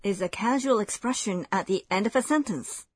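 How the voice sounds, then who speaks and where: Husky-voiced woman hosting a language lesson. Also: mid-range voice, no echo. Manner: clear, measured explanations. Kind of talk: scripted lesson narration.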